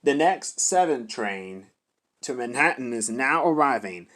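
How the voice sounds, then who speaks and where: A man reads scripted subway announcements as a transit announcer, in a formal, measured way. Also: medium pitch, lively intonation, bright, forceful tone.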